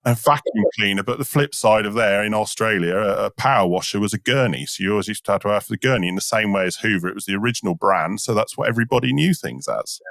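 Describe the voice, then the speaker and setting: Chatty male podcast host, low voice. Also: fast talker, gravelly, hardly any pauses, fairly bright tone, no echo, studio quality. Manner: chatty, tells anecdotes with acted-out quotes. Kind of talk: casual podcast interview.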